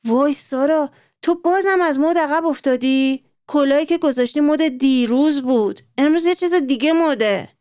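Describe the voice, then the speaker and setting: A woman storyteller voicing a young girl cousin who teases her in a high, mocking way. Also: darkish tone, dry recording, studio quality, lightly acted. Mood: teasing. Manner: teasing.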